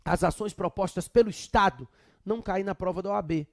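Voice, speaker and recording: A man's voice: high voice, fairly quick, dry recording, studio quality. A man with a Brazilian accent giving a chatty law exam prep lecture with humorous asides. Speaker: law teacher.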